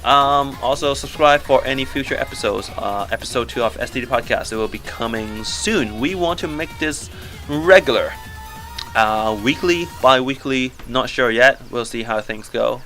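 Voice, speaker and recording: A man's voice: mid-range voice, normal speed, a bit bright, soft background music. A young man from Canada co-hosting a podcast, joking in upbeat, rambling casual chat from a small home studio. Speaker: podcast co-host.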